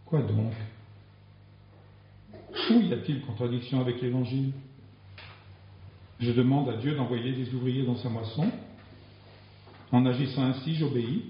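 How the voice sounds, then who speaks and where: A calm devout woman, as a male reader puts her on. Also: mid-range voice, a little slow, long pauses, natural voice. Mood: earnest. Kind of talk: reading a religious story aloud. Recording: very echoey, dull lo-fi sound.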